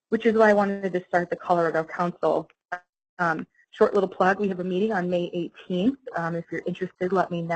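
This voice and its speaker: A woman giving a prepared webinar talk in an earnest, reflective way, often pausing with "um". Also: lowish voice, poor audio. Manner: earnest, reflective, frequent ums. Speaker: webinar speaker. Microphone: online call.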